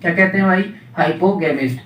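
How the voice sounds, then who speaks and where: High-voiced Indian teacher in an echoey room. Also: male voice, fairly quick, a bit bright, a little hiss or hum. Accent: Hindi-accented English. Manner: repeats questions and has students echo answers. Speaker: English teacher. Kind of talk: classroom vocabulary lesson. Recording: echoey room, mic at a distance.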